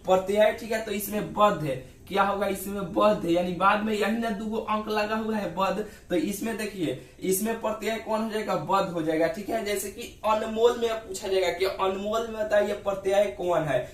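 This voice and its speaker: A man's voice: high voice, steady tone. A male teacher explaining a grammar lesson, asking rhetorical questions and repeating himself. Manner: repeats "ठीक है" and rhetorical questions, drawls words out slowly. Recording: roomy, distant from the mic.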